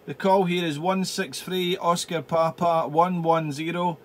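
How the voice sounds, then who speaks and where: A man's voice: on the high side, fairly even intonation, measured pace. A man making casual amateur radio contact from a home radio room, repeating phrases and using radio call-sign jargon. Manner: repeats himself, spells out in phonetic alphabet. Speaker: amateur radio operator, channel host.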